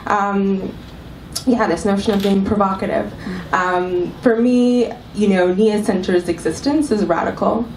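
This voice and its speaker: An arts executive director speaks on a panel to a live audience in a club event room, her medium-pitched voice steady, unhurried and a little mellow despite a cold. She's thoughtful, with lots of ums and restarts. The mic sits far off in an echoey room, with faint hiss.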